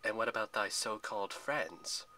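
A man voicing a cold, hostile immortal maiden who gives slow warnings in archaic phrasing. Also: fairly low pitch, noisy background, natural voice.

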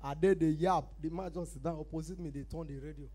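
Nigerian pidgin guy doing standup, highish voice, loud and chatty, keeps calling out to the crowd. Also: fairly even intonation, fast talker. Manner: loud, chatty storytelling with crowd call-outs. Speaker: stand-up comedian. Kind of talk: stand-up comedy set.

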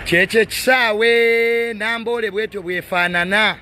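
Ugandan man, high voice, joking tour guide, phone mic outdoors, light background noise. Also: steady tone, a little slow, pushed and bright. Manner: chatty, joking, laughs easily. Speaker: tour guide filming a stadium walk. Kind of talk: casual walking tour chat. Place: outdoor stadium stands. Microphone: phone camera.

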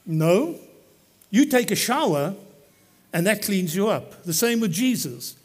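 A man's voice: sits high, expressive, unhurried, breathy edge. A man preaching a sermon as pastor, talking to the congregation in a conversational, joking way. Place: church.

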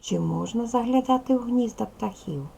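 A woman's voice: fairly high pitch, normal speed, gravelly, warm tone, slight background noise, poor audio. A woman teaching a recorded lesson to young children, patiently asking questions, praising answers and reading a poem aloud. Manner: reads a poem aloud expressively. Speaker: primary school teacher.

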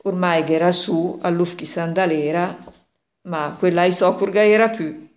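Woman in her 60s, Milanese accent, informal dialect storytelling, slightly low pitch, roomy echo. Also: fairly even intonation, normal speed. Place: small kitchen indoors. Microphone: phone at arm's length. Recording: echoey domestic room.

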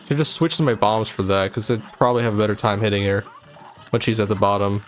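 A man's voice: lowish voice, steady tone, fast, a little hiss or hum. Foul-mouthed young man trash-talking a game boss. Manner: swears constantly, trash-talks the boss, rambling jokes. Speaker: gaming channel host. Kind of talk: profane let's-play commentary. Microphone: desk microphone.

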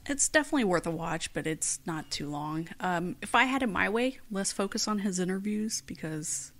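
A woman's voice: fairly low pitch, lively intonation, moderate pace, a bit bright. A woman co-hosting a casual podcast, reading out case facts in a plain recap with dry, blunt asides. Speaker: podcast co-host.

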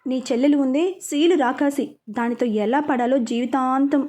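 A woman's voice: sits high, steady tone, moderate pace, darkish tone, lightly acted. A woman doing a cheeky young brother-in-law. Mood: grumbling. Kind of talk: storybook reading.

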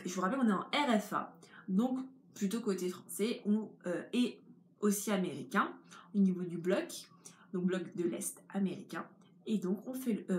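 Young female tutor, casual lesson delivery, mid-pitched voice, roomy echo. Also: a little mellow, slight background noise. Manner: chatty, explains step by step. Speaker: history tutor. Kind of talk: informal history lesson. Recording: echoey room with faint ambience.

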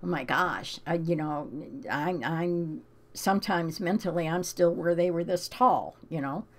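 Rambling older woman host, lowish voice. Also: unhurried. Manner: rambling, frequent ums and restarts; emotional, close to tears. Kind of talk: casual chat and scripture reading.

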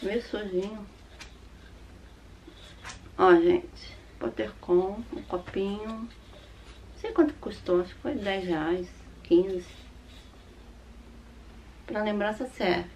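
A middle-aged Brazilian woman talks casually to her camera as she shows off things she bought. Her voice is throaty and slightly hoarse from a sore throat, with a gravelly creak. There is faint noise in the recording. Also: medium pitch, a little mellow, lo-fi sound. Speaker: vlogger. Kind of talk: casual chat showing purchases to camera. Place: small room at home, indoors.

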